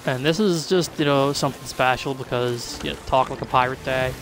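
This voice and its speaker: A man's voice: medium pitch, steady tone, a little fast. A man streaming a game live, talking casually to his viewers and thinking aloud as things happen. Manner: chatty, thinks aloud, reacts to surprises. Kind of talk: live gameplay commentary. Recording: game sounds of ocean and ship noise behind.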